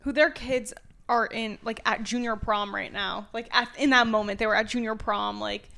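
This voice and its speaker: A woman's voice: fairly high pitch, steady tone, normal speed, creaky, pushed and bright. A woman co-hosting a podcast, chatting casually and telling a long story full of "like" fillers, often acting out what other people said. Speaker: podcast co-host. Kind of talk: casual chat.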